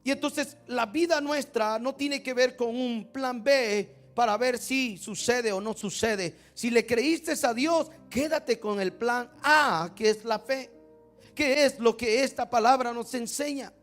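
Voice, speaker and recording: A male pastor delivering a sermon in a very high voice, with soft music under his words. He tells stories quietly, then builds to emphatic rising bursts. He acts out prayers and keeps asking the congregation rhetorical questions. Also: takes it slowly.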